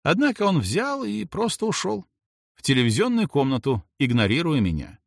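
Very expressive male audiobook narrator, dry sound. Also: a little high, moderate pace, creaky, no echo. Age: young adult. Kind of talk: first-person audiobook narration.

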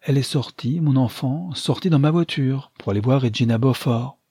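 A man voicing a shrewd, commanding old grandmother in a storybook reading, teasing and sly, with a husky voice. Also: medium pitch, normal speed, warm tone, no room sound, clean studio sound, voice pushed up.

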